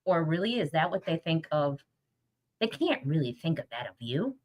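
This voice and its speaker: A woman's voice: low-pitched, big pitch swings, normal speed, darkish tone. A woman hosting a podcast, asking questions in a casual group conversation with an informal, encouraging manner. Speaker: podcast host.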